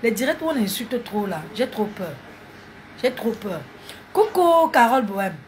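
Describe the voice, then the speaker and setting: A woman's voice: fairly high pitch, very animated, normal speed, slight background noise. A woman, mocking and scolding viewers in a heated live stream on her phone. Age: 40s.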